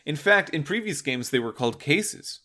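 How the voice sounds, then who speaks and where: A man co-hosting a casual discussion about games, explaining things in a halting, discursive way. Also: on the high side, lively intonation, pushed and bright. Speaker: podcast co-host.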